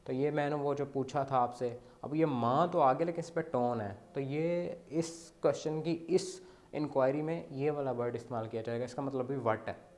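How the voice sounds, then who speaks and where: A man's voice: mid-range voice, moderate pace, darkish tone. A man teaching beginner Chinese, who explains step by step and often checks in with his students. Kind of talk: beginner language lesson.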